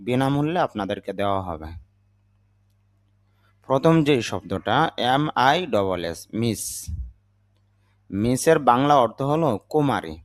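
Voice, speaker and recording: A man's voice: mid-range voice, dry recording. A man, teaching English words and patiently repeating each one with its meaning. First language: Bengali. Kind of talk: vocabulary lesson.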